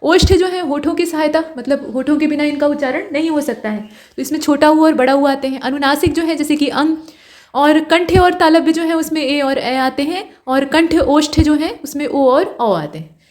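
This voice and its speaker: High-voiced woman teaching a grammar lesson. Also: a little mellow. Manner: explains patiently, checks understanding with "ठीक है"; sounds out vowels and letters slowly as examples. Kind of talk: online exam-prep lesson.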